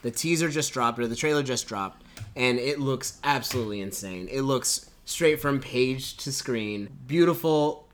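A man hosting a casual podcast chat, jokey and quick to laugh. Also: medium pitch. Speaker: podcast host.

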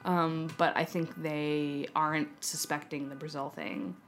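Faint music plays behind a young American woman who sits low in pitch and speaks a little slowly with a flat delivery. She is a filmmaker and actor from San Francisco, guesting on a podcast and casually telling giggly stories with acted-out quotes.

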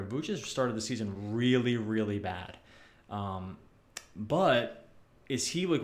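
Echoey-sounding man hosting a sports podcast. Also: lowish voice. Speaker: podcast host. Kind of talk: casual sports podcast banter and analysis. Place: echoey room. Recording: echoey, roomy makeshift podcast setup.

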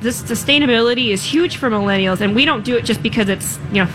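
Earnest woman interviewed over clear background noise. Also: on the high side, fast. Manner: earnest, meandering, frequent "like". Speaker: guest, small-shop owner. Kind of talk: casual live interview. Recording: noisy live fair broadcast.

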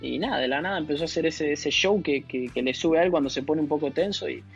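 A man's voice: fairly high pitch, quick pace, vocal fry, dull audio, soft background music. Argentine man telling a story. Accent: Argentine Spanish. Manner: animated storyteller, hesitant restarts. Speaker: guest, professional tennis player. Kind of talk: casual interview storytelling.

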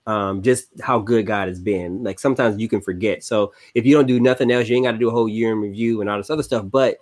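A man, co-hosting a casual podcast, relaxed and full of fillers and repeats. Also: on the low side, quick pace. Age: 30s. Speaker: podcast co-host. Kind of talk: casual chat.

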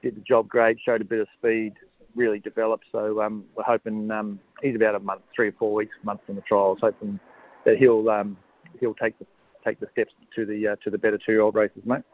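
A man giving a casual radio interview as a horse trainer, hesitant, matey and low-key. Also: flat delivery, fairly quick. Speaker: harness racing horse trainer, interview guest. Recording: narrow, lo-fi phone-like line.

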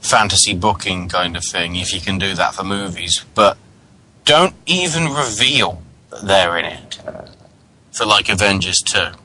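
A man's voice: sits low, pushed and bright, slight background noise, low-quality recording. A man co-hosting a radio talk show, chatting casually with a wry, joking manner. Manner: chatty, wry, quick to joke. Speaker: podcast co-host. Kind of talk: casual chat.

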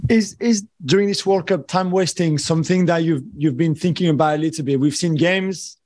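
A man's voice: on the high side, a little fast, darkish tone. A man putting questions in a discussion, conversational and wordy, thinking aloud. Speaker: interview panel questioner.

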